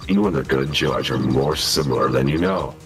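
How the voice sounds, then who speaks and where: A mocking mastermind on the phone, his voice sunk very low by a voice changer. He talks in a smug, unhurried, taunting way. Faint music runs behind him. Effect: voice changer, pitched very deep. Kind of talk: fan dub of a video game.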